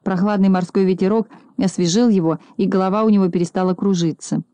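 A woman reading a children's storybook aloud in a calm, measured narration. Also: medium pitch, no echo. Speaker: audiobook narrator.

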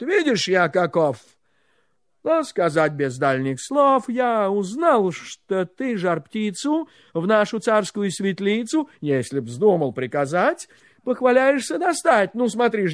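Guy putting on a loud bossy old tsar, shouty and threatening, pitch way up and swinging around. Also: no echo, studio quality, heavily acted. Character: wrathful bearded old tsar, domineering.

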